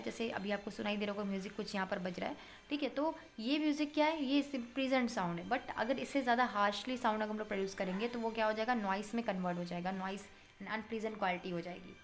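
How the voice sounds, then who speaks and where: A woman teaching a physics class, explaining in Hindi, checking in with her students and reading English textbook lines slowly. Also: mid-range voice. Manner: addresses students as beta, checks with "है ना".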